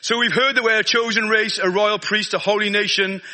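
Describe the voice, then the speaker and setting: High, bright-voiced Welsh Valleys preacher, a man. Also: steady tone, a little fast. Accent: South Wales Valleys. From the South Wales valleys. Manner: chatty, self-deprecating, colloquial. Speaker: guest preacher. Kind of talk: informal sermon.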